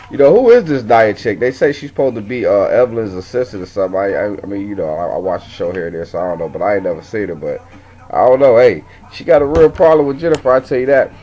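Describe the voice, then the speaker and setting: A man's voice: fairly low pitch, a little mellow, muffled recording. Blunt, profane man ranting. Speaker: show host reviewing a TV show. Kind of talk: casual ranting commentary.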